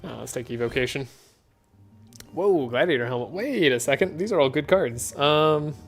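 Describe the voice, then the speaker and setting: A man streaming a card game, talking in a soft, relaxed, sleepy way with frequent chuckles. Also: fairly high pitch, moderate pace, faint music behind. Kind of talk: relaxed gameplay commentary.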